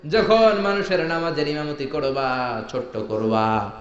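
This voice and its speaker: A man preaching a sermon, animated and storytelling, often calling on the crowd to answer and shouting. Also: fairly high pitch, unhurried. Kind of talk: Islamic sermon (waz). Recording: echoey hall, muffled lo-fi sound.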